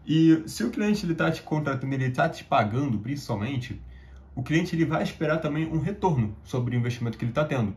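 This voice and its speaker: A young man in his twenties with a Brazilian accent gives casual advice straight to camera, pausing often and tacking little tag questions onto his sentences. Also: fairly high pitch, lively intonation, a little mellow. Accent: Brazilian Portuguese. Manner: hesitant, full of tag questions and restarts. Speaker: YouTuber giving career advice. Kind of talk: casual talking-head advice.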